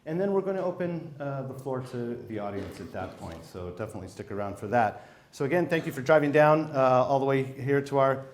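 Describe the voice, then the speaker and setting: Moderator: man with a lively, swinging pitch, measured delivery full of hesitant fillers. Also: slight background noise. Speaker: event moderator introducing speaker. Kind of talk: formal introduction. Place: lecture hall.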